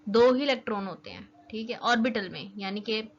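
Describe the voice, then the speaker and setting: On a dull, lo-fi recording carrying faint noise, a young woman teaches a casual chemistry lesson in a chatty manner, repeatedly saying "okay" to check in. Her voice is on the high side and a little fast.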